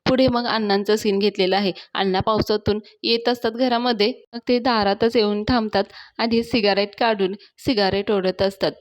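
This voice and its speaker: A woman's voice: medium pitch, steady tone, normal speed. A woman reviewing a TV serial, retelling the episode in a chatty style and speaking to her viewers. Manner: chatty storytelling, addresses viewers directly.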